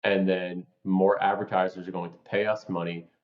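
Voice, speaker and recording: A man from New York co-hosting a podcast, explaining ideas through lively stories and examples. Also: sits low, moderate pace. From New York, USA. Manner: animated storyteller, explains with examples. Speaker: podcast co-host. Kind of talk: casual podcast chat. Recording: roomy, slightly dull sound.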